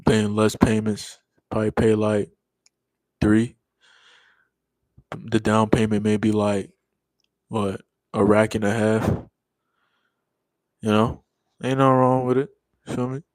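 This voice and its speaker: A man's voice: lowish voice, level tone, takes it slowly, pauses often, no echo. Laid-back man hosting a livestream, slangy. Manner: laid-back, drawling, slang-heavy, calls everyone bro and man. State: tired, yawning after leg day. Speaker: livestream host. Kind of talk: casual livestream chat reading comments.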